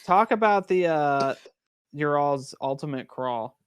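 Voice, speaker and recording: A man co-hosting a casual podcast, moving the talk along with quick jokey asides. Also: on the high side, expressive, smooth, no echo, clean studio sound. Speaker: co-host.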